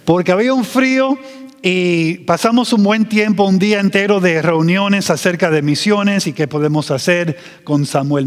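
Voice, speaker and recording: Pastor, male, high-pitched, deliberate slow sermon delivery, echoing hall.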